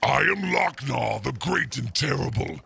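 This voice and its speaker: A man voicing a boastful demon who has possessed a young girl, making grandiose, menacing proclamations in a raspy voice. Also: medium pitch, lively intonation, unhurried, sharp tone, heavily acted. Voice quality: gravelly and raspy.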